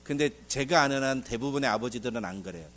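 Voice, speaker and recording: A male pastor preaching a sermon in an animated way, asking the congregation questions and acting out dialogue. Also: mid-range voice, fast.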